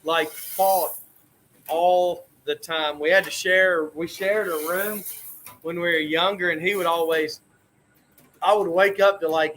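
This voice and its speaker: Bright, high-voiced man telling stories. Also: a little hiss or hum, low-quality recording. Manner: rambling, animated storyteller with many restarts. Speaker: coffee roaster host. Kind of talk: casual storytelling chat.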